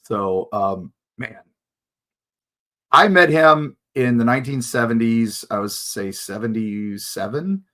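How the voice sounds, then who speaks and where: Casual American male host, 50s, mid-pitched, nostalgic and enthusiastic fan talk, unscripted feel. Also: expressive, slow pace, pushed and bright. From United States. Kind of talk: casual reminiscing monologue.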